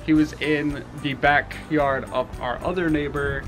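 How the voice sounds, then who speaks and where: A young man casually telling a story about his homestead, animated and laughing at times. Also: on the high side, a little slow, soft background music. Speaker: homestead vlogger.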